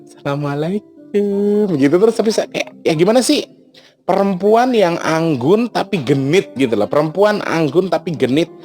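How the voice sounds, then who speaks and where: A man hosting a casual storytelling vlog, talking in an animated way with frequent exclamations. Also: on the high side. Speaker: channel host.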